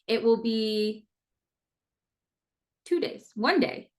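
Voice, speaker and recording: A woman's voice: fairly high pitch, expressive, drawn-out words, darkish tone. A woman in her thirties hosting her own podcast, talking earnestly and openly in a casual, personal monologue with everyday fillers and the odd mild swear. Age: 30s. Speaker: podcast host.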